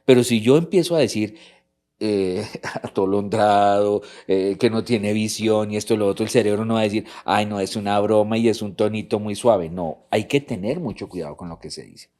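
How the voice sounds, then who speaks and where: Man, middle-aged, low voice, church marriage talk, repeats points. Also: moderate pace, dark tone. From Colombia. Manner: teaching, repeats key words. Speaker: couples ministry host.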